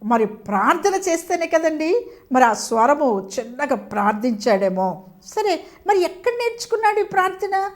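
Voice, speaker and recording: A woman preacher giving an animated sermon with a Telugu accent, often putting questions to her listeners and calling for hallelujah. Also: high voice, moderate pace.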